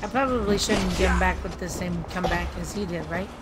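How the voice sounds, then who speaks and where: A young woman with a slightly crackly voice, chatting casually and excitably while playing a game, laughing at her own misses. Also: lowish voice, brisk, loud music behind the voice. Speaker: gaming streamer. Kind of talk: casual let's-play commentary.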